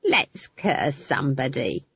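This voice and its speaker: A woman voicing an earthy, gleeful old witch who talks in a slow, relishing, mischievous way. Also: very deep voice, sing-song, slightly rough, no room sound, muffled recording, pitched below the performer's own voice, full character voice.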